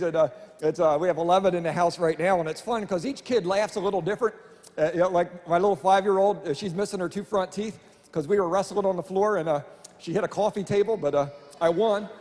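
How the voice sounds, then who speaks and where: A high-voiced, darkish-toned middle-aged man does quick-paced stand-up for a live church audience. The material is family-friendly, chatty, and self-deprecating, and the hall adds long reverb with a little room noise.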